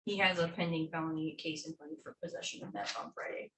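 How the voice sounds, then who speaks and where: A woman speaking formally as a defense attorney in a courtroom, halting at times and deferential to the judge. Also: sits low, very animated, a bit bright. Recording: echoey, distant mic with faint noise.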